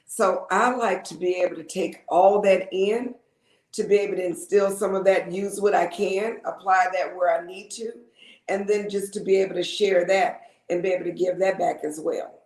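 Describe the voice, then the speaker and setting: A woman's voice: on the low side, steady tone, moderate pace, darkish tone, roomy sound. Chatty woman in her fifties. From Lake Charles, Louisiana. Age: 50s. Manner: chatty, repeats words, frequent ums. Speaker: guest. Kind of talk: casual interview storytelling.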